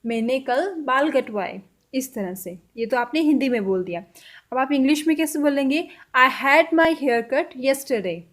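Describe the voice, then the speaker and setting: A woman teaching a language lesson, saying example sentences slowly and repeating them with care. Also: sits high, lively intonation.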